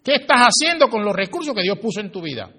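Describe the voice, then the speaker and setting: A man preaching a sermon as pastor to his church, swinging his pitch and volume for emphasis. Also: sing-song, fast talker, pushed and bright, slightly rough. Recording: reverberant hall.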